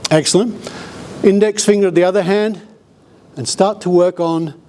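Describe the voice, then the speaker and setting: Australian man, middle-aged, skeptic presenter on a conference stage, showman patter, slightly high voice, faint hiss behind. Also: steady tone, normal speed, a little mellow. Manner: jokey, chatty showman, breaks into laughs. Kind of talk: live conference talk with audience participation. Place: conference hall before a live audience.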